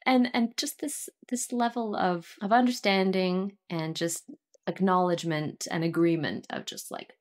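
A woman's voice: on the low side, a little slow. A woman co-hosting a casual podcast, talking in a thoughtful, rambling way and laughing often. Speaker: podcast co-host. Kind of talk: casual chat.

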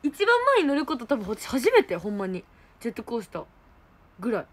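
A young woman, hosting a livestream and telling a story in animated casual chat. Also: a little high, quick pace. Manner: animated storytelling, laughing, exclaiming. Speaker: idol livestream host.

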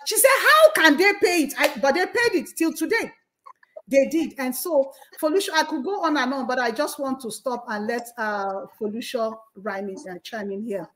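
A woman with a high, bright-toned voice hosts a faith talk show. She tells her testimony fervently and with deep emotion, breaking into praise along the way. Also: moderate pace. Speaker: host. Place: Canada.

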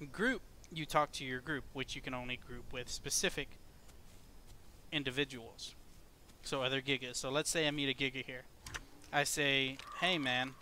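Bright-voiced man explaining a game. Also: medium pitch, a little hiss or hum. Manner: explains step by step, laid-back and profane. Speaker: gaming video host. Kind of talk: casual gameplay commentary.

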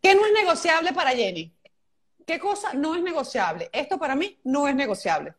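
A woman's voice: sits high, sing-song, fairly quick, background noise. A woman hosting a live video interview, chatty, blunt and joking as she asks questions. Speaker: host. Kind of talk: casual live-stream interview.

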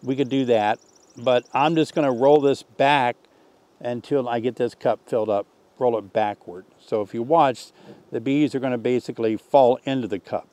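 A man's voice: mid-range voice, normal speed. Older man demonstrating beekeeping outdoors. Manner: relaxed, folksy, thinks aloud while working. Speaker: beekeeping teacher. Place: outdoors in an orchard beside beehives.

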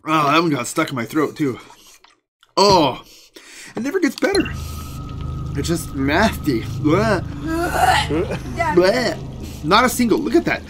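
Excitable man narrating his gameplay. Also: a little high, takes it slowly, long pauses. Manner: excitable, yells at enemies. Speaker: gaming channel host. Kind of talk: playthrough commentary. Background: game music.

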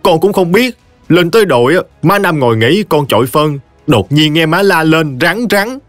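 A man's voice: medium pitch, expressive, normal speed, dry recording, natural voice. A man voicing a scheming young son-in-law who sweet-talks, in a storytelling audiobook, over faint music. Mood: frantic.

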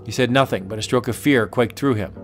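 A man's voice: mid-range voice, quick pace. A man narrating a vintage horror comic in a dramatic, suspenseful audiobook style. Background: faint music.

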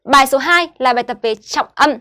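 Higher-voiced woman teaching English words. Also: pushed and bright. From Vietnam. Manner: slow clear modeling of English words, then explaining. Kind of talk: online English lesson for children.

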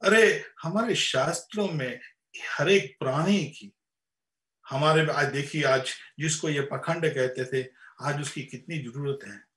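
A man giving an impassioned spiritual discourse, rising to loud emphatic peaks and often repeating words as he restarts. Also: on the high side, measured pace, roomy sound. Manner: repeats words while searching, frequent restarts. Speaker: spiritual lecturer. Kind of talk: Hindi religious discourse.

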